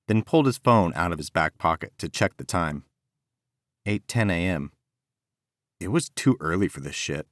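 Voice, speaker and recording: A man narrating an audiobook in a measured storytelling manner, recorded on a studio mic. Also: low-pitched, no echo. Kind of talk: scripted narration.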